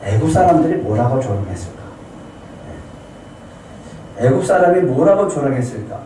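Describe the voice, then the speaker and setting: Pastor preaching in an echoing church. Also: male voice, medium pitch, very animated, moderate pace, dark tone. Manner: fervent preaching, repeating "예" to the congregation. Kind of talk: sermon. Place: church sanctuary. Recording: roomy distant church recording with faint noise.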